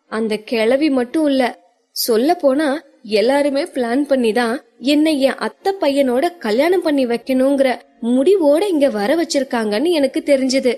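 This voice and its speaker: A woman's voice: high voice, warm tone, lightly acted. A woman voicing Madhu, a young woman pleading through tears. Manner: pleading, sobbing between words. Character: panicked young woman, tearful, begging her friend.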